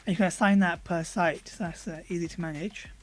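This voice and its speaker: A product reviewer with a hoarse, fairly high-pitched voice narrates a software demo over his screen recording. He talks fairly quickly in a relaxed, conversational way, stopping often for ums and uhs as he clicks through each menu.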